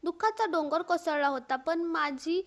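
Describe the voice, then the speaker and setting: A woman tells an emotional first-person story in an earnest, mournful voice. Her voice sits high and carries the sorrow steadily. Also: normal speed.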